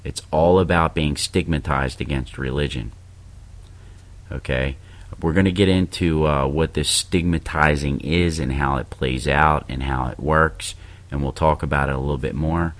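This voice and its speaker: Really low voiced guy doing his podcast, casual, rambly, keeps saying okay and you know. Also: fairly even intonation, moderate pace. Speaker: podcast host. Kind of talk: casual religious podcast talk.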